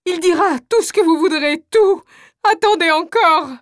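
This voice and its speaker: Brief: woman doing a distraught mother, crying and begging, high voice, dry close sound. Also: measured pace, no echo. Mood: frantic pleading. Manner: pleading, screaming, sobbing. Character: desperate mother, pleading for her children.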